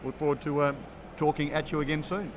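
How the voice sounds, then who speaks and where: An Australian man hosting a casual podcast, chatty and halting, repeating his words, on a low-quality location recording. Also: fairly even intonation, background noise. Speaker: podcast host. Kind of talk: casual podcast chat and interview. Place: above the floor of a busy beer festival hall.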